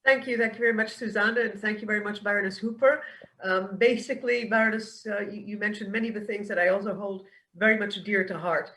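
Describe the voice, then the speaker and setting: A woman, a business school director, speaking thoughtfully and pausing to find her words. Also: medium pitch, fairly even intonation, a bit bright. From New York. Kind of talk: speech at an online event. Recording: voice from a distance.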